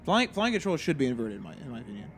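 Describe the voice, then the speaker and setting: Very fast-talking gamer man. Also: medium pitch, sing-song, fairly bright tone, a little hiss or hum. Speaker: watching co-commentator. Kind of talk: casual let's-play chat.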